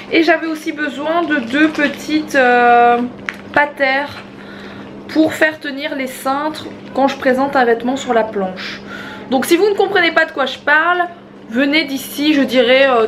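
Holding the camera at arm's length, this twenty-something family vlogger talks casually from a small room in her home. She speaks at a fairly high pitch with a slight lisp and slushy sibilants, and the recording carries a little hiss or hum.

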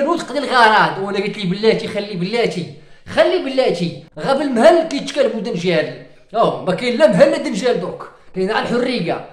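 A Moroccan man performs a comedic rant at a rapid clip, with a fairly high voice. He wails and complains theatrically, piling on lament after lament. The sound bounces around a roomy space. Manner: wailing, ranting, theatrical lament. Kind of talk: comic sketch monologue. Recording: roomy echo.

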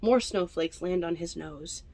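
This library storytime reader, a woman in her twenties, has a voice on the low side and a measured pace. Indoors among the shelves, she reads a picture book to children with expression, adding chatty asides. She addresses her young audience directly.

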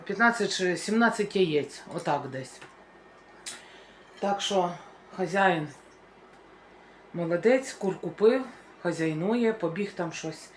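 Out in a village garden, a middle-aged family vlogger narrates a casual vlog, talking homely to the camera while showing things around. Her voice is mid-range, with slight background noise.

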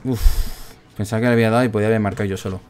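A man casually commentating his own gameplay, chatty and excitable, groaning at every miss. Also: fairly low pitch, very fast. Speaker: gaming streamer.

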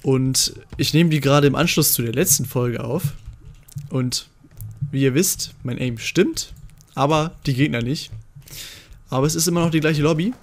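A young man hosts a gaming video with live gameplay commentary, speaking at a moderate pace in a slightly high voice. He's excitable, swinging from mutters to shouts.

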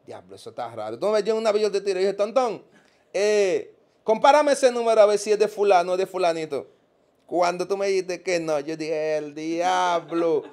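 A man's voice: sits high, expressive, moderate pace, darkish tone. A man with a Dominican accent, a guest in a casual interview, telling stories with animation and acting out the voices of the people he quotes.

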